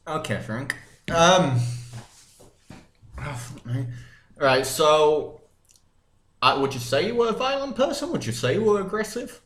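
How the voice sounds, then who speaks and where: A man's voice: fairly high pitch, lively intonation, unhurried, long pauses, fairly bright tone. Teasing young man, echoey room. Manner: teasing, blunt, swears a lot. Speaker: podcast co-host. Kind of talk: casual chat.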